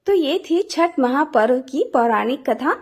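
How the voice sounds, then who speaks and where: Brief: woman storyteller, steady devotional narration, high voice. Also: a little slow.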